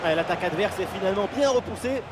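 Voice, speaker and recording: A man as a football video game commentator, giving excited play-by-play sports commentary in speech. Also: high-pitched, very fast. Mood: engaged. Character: enthusiastic male TV football match commentator. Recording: loud stadium noise behind the voice.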